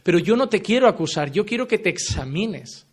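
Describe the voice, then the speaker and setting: A man preaching with a high, ringing voice and fervent urgency. He presses the congregation with pointed questions, builds to loud emphatic declarations, then drops to low, quiet endings. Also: big pitch swings, a little fast, husky. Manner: fervent, confronting listeners with direct questions. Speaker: pastor. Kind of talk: sermon.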